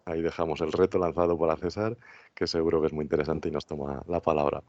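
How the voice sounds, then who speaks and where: A man's voice: a bass voice, flat delivery, quick pace, dark tone. A man with an accent from Spain, chatting casually as a podcast host. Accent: Spanish from Spain. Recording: dull, roomy sound.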